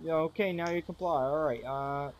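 A man's voice: on the high side, moderate pace, a little hiss or hum. A man playing a police officer in game role-play, rambling and repeating phrases.

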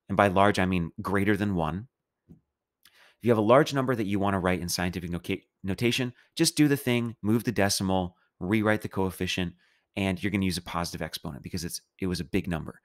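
A man's voice: low voice, a little fast. A man teaching a recorded chemistry math lecture, explaining steps in a casual, playful way. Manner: casual, playful explaining with a loose, chatty delivery. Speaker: chemistry instructor.

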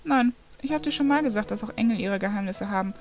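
A woman reading aloud voices a secretive, condescending male angel who mocks and doubts in a raised, lively voice. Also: mid-range voice, fast, soft background music, close to an everyday voice. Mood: mocking. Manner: mocking, incredulous.

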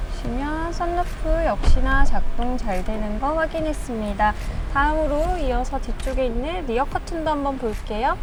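A woman with a high-pitched voice presents a used car in a scripted sales walkaround. She moves through her inspection patter politely and in good order, and music plays behind her. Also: rough recording. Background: background music.

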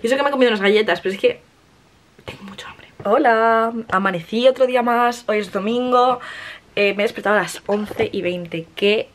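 A woman's voice: mid-range voice, quick pace. A woman, chatting casually to camera in a vlog, swearing freely and slipping in English words. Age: early 20s. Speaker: vlogger.

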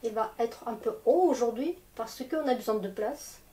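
A woman's voice: on the high side, moderate pace, mellow, a little hiss or hum. A woman teaching a language lesson in French, explaining patiently step by step. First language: Russian. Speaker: Russian teacher. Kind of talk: slow, clear language lesson.

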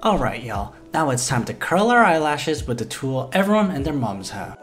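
A young man doing a comedic voiceover for a makeup video, playful and jokey, swearing freely and throwing in loud exclamations. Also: medium pitch, sing-song, normal speed. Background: faint background music.

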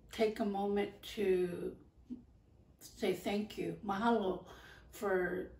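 A middle-aged woman from Hawaii talking casually to camera about her ukulele videos, pausing often with fillers. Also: mid-range voice, vocal fry, a little mellow, slight background noise. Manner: halting, many fillers, gestures while talking. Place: living room, indoors. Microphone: far camera. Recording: echoey room from a distance.

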